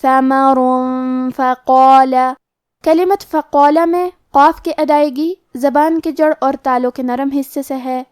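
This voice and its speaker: High-voiced woman teaching Quran recitation. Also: fairly even intonation, darkish tone, no room sound, clean studio sound. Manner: explains each rule plainly, then recites words slowly. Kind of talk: tajweed lesson with slow recitation.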